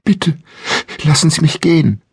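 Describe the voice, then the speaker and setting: A man's voice: fairly high pitch, animated, measured pace, gravelly, breathy edge, dry recording, pitched above the performer's own voice, full character voice. A man voicing a terrified young woman held captive, stammering and begging desperately in an audiobook thriller. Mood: pleading.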